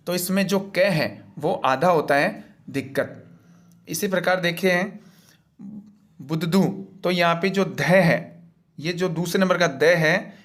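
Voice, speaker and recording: Slightly high-voiced man explaining worksheets. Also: fairly bright tone. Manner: patient, repetitive step-by-step explaining. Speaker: teacher.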